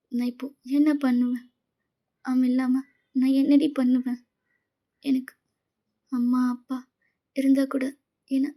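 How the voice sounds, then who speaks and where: A woman's voice: high voice, dark tone. A woman voicing a grieving young woman who speaks tearfully and pleads with her friend.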